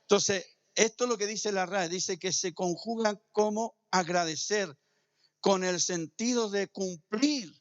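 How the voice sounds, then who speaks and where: Male pastor, unhurried sermon delivery, frequent amens, muffled close recording. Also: sits high, no room sound. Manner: preaching with many "amén" and "¿cierto?". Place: church.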